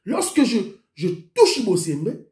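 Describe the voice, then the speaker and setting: A Congolese-accented man hosts his own YouTube show, chatting casually, greeting commenters one by one by name and mixing in Lingala. His high-pitched, darkish voice swoops wildly in pitch as he speaks slowly, and the sound is reverberant.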